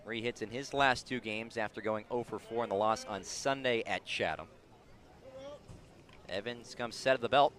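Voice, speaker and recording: Outdoors at a ballpark, a man handles live baseball play-by-play for sports radio. His pitch is fairly low, his pace moderate and his tone fairly bright, and his clipped calls lift as the action picks up.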